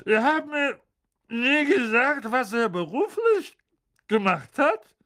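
Brief: narrator doing a boozy, bullying aunt, very high, swooping and bright, slow and sneering. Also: very animated, full character voice. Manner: shrill, slurring, mocking. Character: drunk, spiteful, loud middle-aged aunt.

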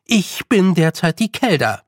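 A headstrong young girl, insistent and full of questions, as a male narrator puts her on. The voice is raised and slightly gravelly, close and dry. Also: fairly high pitch, expressive, normal speed, dry recording, pitched above the performer's own voice.

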